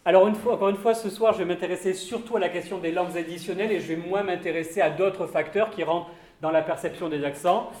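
High-voiced man lecturing in a roomy hall. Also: steady tone, quick pace, a little mellow. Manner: thoughtful, hedging, many fillers and restarts. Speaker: lecturer on accents. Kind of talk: academic conference talk.

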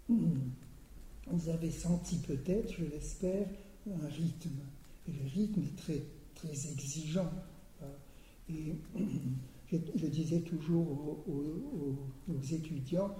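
An older man giving an academic lecture, hesitant, repeating words and often clearing his throat. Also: on the high side, dark tone, a little hiss or hum. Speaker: lecturer on Persian poetry. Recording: roomy hall sound.

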